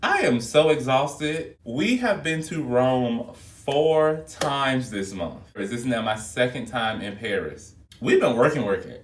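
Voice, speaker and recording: A flight attendant who vlogs chats casually and expressively with his viewers, calling them "y'all," in a phone video shot in an echoey room with the mic held back at a distance. His voice is medium-pitched and slow, with few pauses and slight background noise.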